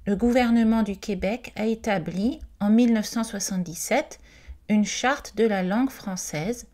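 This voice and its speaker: A woman's voice: mid-range voice, normal speed, mellow. A woman reading an informational presentation aloud, carefully and with the odd hesitant aside. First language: not Quebec French.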